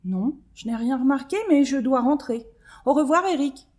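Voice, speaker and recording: A woman voicing a shy, lovestruck male dung beetle in a children's storybook reading, soft and hesitant. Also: sits high, normal speed. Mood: dreamy.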